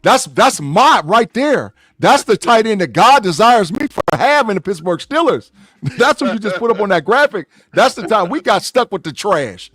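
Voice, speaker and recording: A man's voice: high voice, sing-song, moderate pace, fairly bright tone, no room sound. A man co-hosting a sports podcast in casual chat, emphatic and full of slang. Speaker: podcast co-host.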